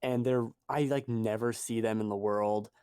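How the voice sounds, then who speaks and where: A man's voice: fairly low pitch, steady tone, normal speed, mellow, clean tone, no echo, clean studio sound. A man co-hosting a podcast in casual chat, rambling and correcting himself as he goes. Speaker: podcast co-host.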